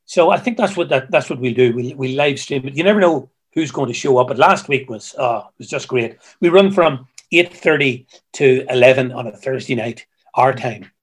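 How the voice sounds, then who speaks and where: A man, a musician guest who tells stories in a halting way, repeating words, heard over a video call. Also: medium pitch, husky. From Ireland. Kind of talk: casual interview chat.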